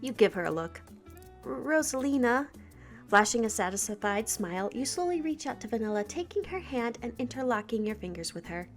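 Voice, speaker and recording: A woman hosting a let's play, reading a visual novel aloud with animated, giggly asides. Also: medium pitch, brisk, few pauses, soft background music.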